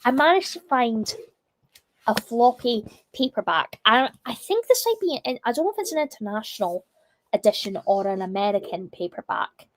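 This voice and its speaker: A young woman chatting casually on a livestream, rambling with plenty of fillers. Her voice is a touch croaky from a lingering cough, and the close recording sounds dry with no room around it. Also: fairly high pitch, big pitch swings, moderate pace, dry recording. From United Kingdom. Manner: chatty, reads chat comments aloud, many fillers. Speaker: livestream host.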